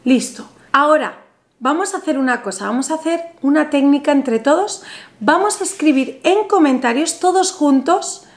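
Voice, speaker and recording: With a camera facing her at a table in a small, bright room, a spiritual host in her thirties gently guides viewers through a money ritual. Her voice sits high and keeps a moderate pace, soothing and instructive, and she speaks directly to whoever is watching.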